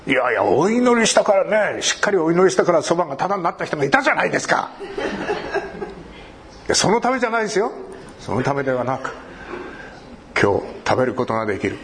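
A man's voice: fairly high pitch, sing-song, fast, pauses often, a bit bright, a little hiss or hum. A man preaching a sermon. He talks animatedly, cracks jokes and acts out short everyday conversations. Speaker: pastor.

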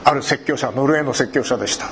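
A man's voice: medium pitch, quick pace, a bit bright, a little hiss or hum. A man preaching a sermon. He talks animatedly, cracks jokes and acts out short everyday conversations. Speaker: pastor.

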